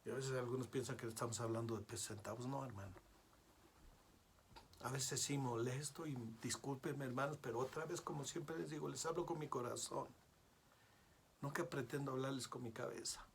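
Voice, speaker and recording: A man preaching a sermon as pastor, swinging from hushed whispers to loud cries and calling out to his listeners as brothers. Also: mid-range voice, fairly even intonation, normal speed, gravelly, a little hiss or hum. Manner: repeatedly addresses listeners as brothers.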